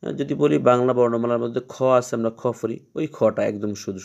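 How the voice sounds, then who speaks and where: Man, Quran reading teacher, patient, repeats letters slowly, mid pitch. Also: creaky, a little mellow, lo-fi sound. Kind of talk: step-by-step letter lesson.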